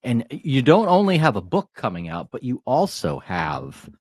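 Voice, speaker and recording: A man hosting an interview, talking casually in a halting way with many restarts. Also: medium pitch, huge pitch swings, slightly rough, dry recording, studio quality. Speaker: host.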